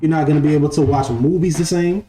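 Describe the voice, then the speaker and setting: Speaking fast with fairly even intonation, a young live-stream host in his twenties offers a casual spiritual talk in a mellow, slightly high voice. He circles back to the same phrases and often asks "right?" The recording has an echoey room and faint music.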